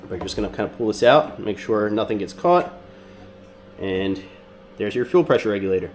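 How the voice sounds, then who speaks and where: A man's voice: on the low side, a little fast, slight background noise. Congested nasal man explaining a repair. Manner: relaxed, step-by-step, with frequent ums and uhs. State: sick, congested. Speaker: mechanic demonstrating a repair. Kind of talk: casual how-to demonstration.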